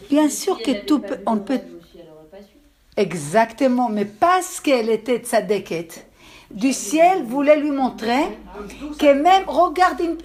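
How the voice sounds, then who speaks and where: Woman with an accent, religious teacher, lesson to a group, a bit high-pitched, keeps asking if everyone understood. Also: a little mellow. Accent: speaks with an accent. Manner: keeps checking the listeners understood; storytelling, with halting restarts. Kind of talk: lecture to a group.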